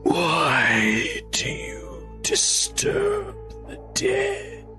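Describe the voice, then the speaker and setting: Cold undead skeleton, raspy hissing near-whisper, super slow and drawn out, music behind. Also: male voice, very high-pitched, wildly swooping pitch, bright, forceful tone, voice pushed up, exaggerated voice. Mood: cold, forbidding. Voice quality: rasping. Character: undead skeleton warrior, male, cold, menacing guardian.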